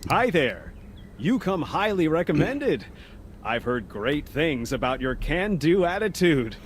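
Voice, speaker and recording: A man's voice: fairly high pitch, very animated, measured pace, slight background noise. An actor playing an awkwardly cheery male office manager in a game, hesitant and stumbling through corporate niceties. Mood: awkwardly friendly.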